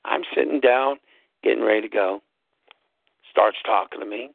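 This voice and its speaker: A man with a lowish, creaky voice talks at normal speed, loud and emphatic, as a talk-show host recounting a casual story. He spells words out and repeats himself for emphasis, and the audio is dry and tinny like a phone line.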